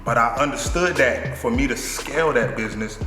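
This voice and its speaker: A man from Nigeria, a clothing brand owner, talking in a casual interview in a relaxed, thoughtful way, with plenty of fillers. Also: mid-range voice, brisk. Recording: echoey room with long reverb and music behind.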